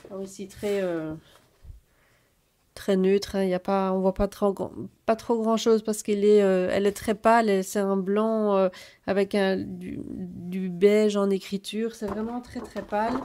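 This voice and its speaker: A woman showing off her scrapbooking purchases in a casual haul video, talking slowly and hesitantly with many fillers. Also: medium pitch, fairly even intonation, mellow.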